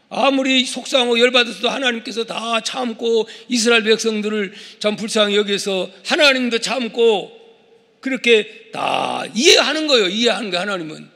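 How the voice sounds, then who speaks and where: A man preaching a sermon as pastor, leading the congregation in call-and-response and shouting for emphasis. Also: very high-pitched, gravelly. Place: church sanctuary. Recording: long church hall reverb.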